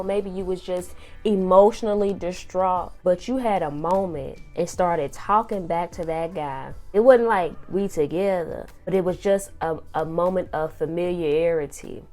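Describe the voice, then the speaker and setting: A woman's voice: lowish voice, dark tone. A young woman from Kansas City, talking casually in a faith-based advice vlog, playful and sassy as she preaches straight to her younger self. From Kansas City, USA. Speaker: vlogger.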